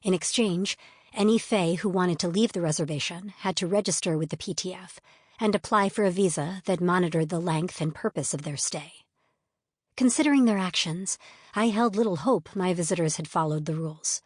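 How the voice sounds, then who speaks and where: A woman narrating a fantasy audiobook in the first person, measured and even. Her voice sits somewhat low, and the studio sound is close and dry. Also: dry recording.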